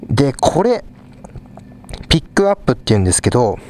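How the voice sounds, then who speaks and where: Live drums and guitar fill the background as a young man in a small rehearsal studio plays and casually describes his instruments for his vlog. His medium-pitched voice is sing-song, brisk and a little mellow, and the recording from a small clip mic on his head-mounted camera has a bit of hiss or hum.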